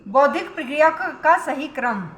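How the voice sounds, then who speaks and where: High bright-voiced woman teaching exam prep. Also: animated, normal speed. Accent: Indian English words mixed into Hindi. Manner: coaxing, calls students beta, keeps asking "correct?". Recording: echoey room with faint noise.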